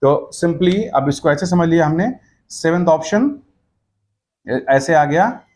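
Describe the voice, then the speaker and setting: A man teaching an English grammar class, explaining step by step and slowing right down to dictate example sentences word by word. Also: on the high side, animated, darkish tone. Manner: explains step by step, checking with "correct?" and "okay?".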